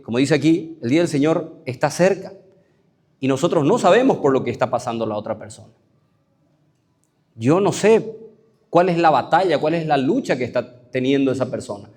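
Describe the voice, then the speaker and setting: A man's voice: on the high side, a little mellow, slightly rough. A man with a Paraguayan Spanish accent, a pastor preaching a conversational sermon full of rhetorical questions.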